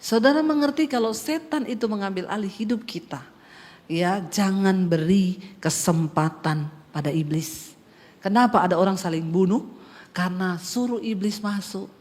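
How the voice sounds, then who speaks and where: A middle-aged woman pastor delivering a sermon in a lively storytelling way. She speaks casually, acts out the voices she quotes and talks straight to her congregation. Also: medium pitch, moderate pace, big-room sound. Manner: colloquial, addresses the congregation directly.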